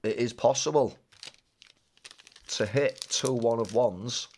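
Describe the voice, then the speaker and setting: A slow, medium-pitched male voice with a slight hiss or hum in the background. He's a card-opening vlogger chatting casually through an unboxing, talkative, rambling and excitable, and he sounds a bit stuffed up from a cold.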